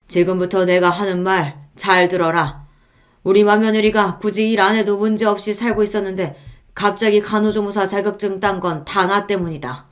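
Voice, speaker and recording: A woman voicing a stern elderly father-in-law who scolds his family in a firm, measured way. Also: medium pitch, steady tone, natural voice.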